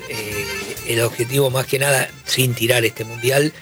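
A man, a panelist giving measured football analysis. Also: mid-range voice, steady tone, over music. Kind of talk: casual sports panel chat.

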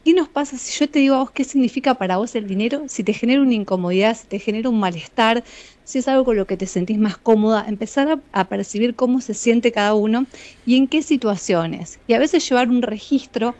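An Argentine woman psychologist answering interview questions in a measured, explanatory way, often speaking straight to the listeners. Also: a little high, a little mellow. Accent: Argentine Spanish. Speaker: psychologist and author, guest.

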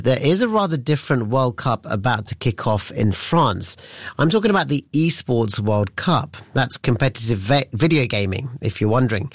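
A man presenting live news, reading brisk scripted links and questioning a correspondent. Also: medium pitch, no echo, clean studio sound.

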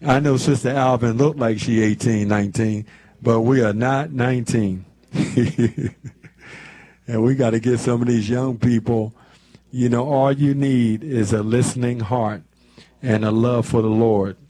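Speaking a little slowly, with a warm, steady, mid-range voice, a 70-something host talks casually on a church radio show from the studio. His manner is relaxed and preacherly, and he peppers his talk with amens.

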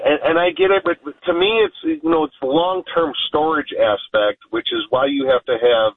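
A man's voice: mid-range voice, vocal fry, slightly rough, no echo. A man calling in to an AM talk radio show over a phone line, emphatic and repeating his words as he makes his point. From Chicago area, United States. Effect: narrow phone line heard on AM radio. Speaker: radio call-in caller. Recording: tinny dry phone line.

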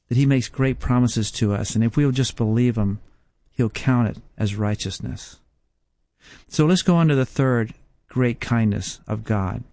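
Preaching in a lowish, dark voice with no echo, a man in his fifties who teaches the Bible speaks at a slow, emphatic pace. He returns again and again to rhetorical questions.

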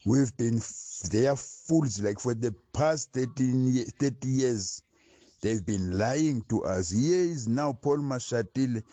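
A man's voice: mid-range voice, warm tone, no echo. A man leaving a voice note for a radio show, making an earnest, pleading appeal. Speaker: listener sending a voice note.

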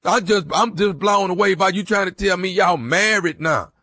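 A man's voice: sits high, normal speed, sharp tone, no echo. A man voicing an agitated, insistent prison inmate making a prank payphone call, repeating himself as he pleads his case. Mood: confrontational. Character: agitated male prison inmate calling about his old girlfriend.

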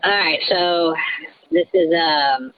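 A man's voice: high-pitched, huge pitch swings, slow, creaky, dry recording. A man calling in to a radio show, telling an embarrassing story sheepishly while a voice changer disguises his voice over the phone. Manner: sheepish, self-conscious storytelling. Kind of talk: anonymous phone-in confession, casual storytelling. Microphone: telephone. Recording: lo-fi phone line.

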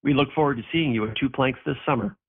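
A man's voice comes through a landline phone, thin and boxed in by the narrow line. He delivers an upbeat, friendly promotional message at a middling pitch. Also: fast talker, creaky, breathy edge. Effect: heard over a landline phone. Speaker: theater company promoter.

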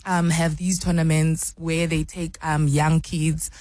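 A woman's voice: low voice, flat delivery, a little slow, darkish tone, no echo, rough recording. A young woman from South Africa, a rugby player, answering interview questions with many ums and restarts.

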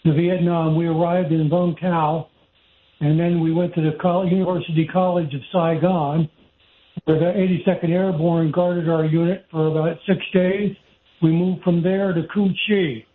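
A man in his seventies, a former military caller, speaking over a phone line and recounting dates and numbers in a measured, methodical way. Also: on the high side, fairly even intonation. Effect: heard over a phone line. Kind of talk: call-in radio talk.

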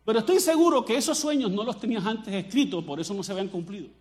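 A Colombian pastor with a high-pitched voice delivers a lively sermon. He jokes with the congregation and speaks to them directly, with an animated delivery. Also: quick pace. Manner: animated and joking, addresses the crowd directly.

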